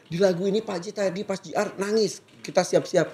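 A man's voice: sits high, steady tone, fairly quick, a little mellow, far from the mic. A young man hosting a talk show, teasing and joking in casual chat. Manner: playful teasing with laughter.

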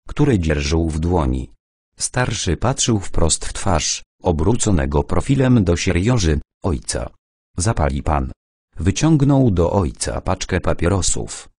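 A man narrating an audiobook in a calm, even storytelling manner. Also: sits low, husky, no echo.

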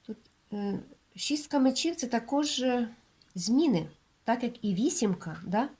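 A woman with a Ukrainian accent giving a casual tarot reading, explaining each card in an unhurried way, with many hesitations and checks with the viewer. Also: on the high side, animated, darkish tone, slightly rough. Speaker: tarot reader.

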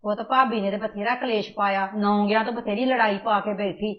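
A woman with a natural, mid-range voice plays a scolding but loving older mother rushing her married daughter, as part of an amateur family drama. She speaks a little fast with fairly even intonation and an urgent tone, in a dull, muffled recording.

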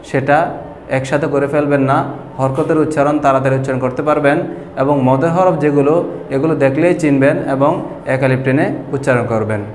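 A Quran reading teacher with a somewhat high voice gives a whiteboard lesson on Quran pronunciation, explaining slowly and patiently and drawing out the example sounds. He's in an echoey room with long reverb and a faint hiss of noise.

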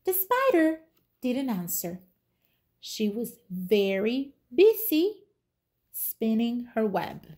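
A young woman with a high voice reads a picture book aloud for toddlers. Her delivery is very slow and deliberate, with animated, sing-song swings in pitch, as a teacher speaks to small children. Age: young adult. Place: small living room, indoors on a couch.

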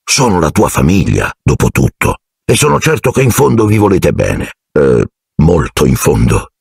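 A man's voice: extremely low pitch, huge pitch swings, moderate pace, vocal fry, breathy edge, dry recording, studio quality, heavily acted. A man voicing a fussy, jovial middle-aged minister who talks to a boy in a genial, patronizing and evasive way.

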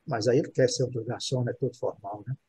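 A man's voice: mid-range voice, fairly even intonation, quick pace, mellow, slightly rough, no room sound. A man teaching English casually to a group, modeling words and explaining, often checking in with the class.

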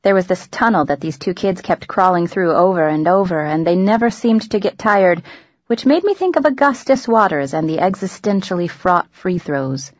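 A woman narrating an audiobook in the first person, in a wry, deadpan manner. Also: mid-range voice, no echo, muffled recording. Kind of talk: scripted narration.

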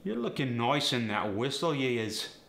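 A man's voice: medium pitch, sing-song, moderate pace, creaky, a bit bright. A man voicing a cheeky working-class Cockney bloke with a Cockney accent, punchy and colloquial, acting out example sentences for a slang lesson. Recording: roomy echo, faint background noise.

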